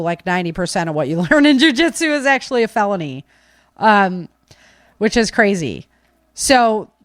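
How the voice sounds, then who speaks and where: A woman with a fairly high-pitched voice, recorded without echo, gives casual, opinionated talk as a preparedness and self-defense podcaster. She's insistent, repeating key phrases for stress as she delivers firm advice.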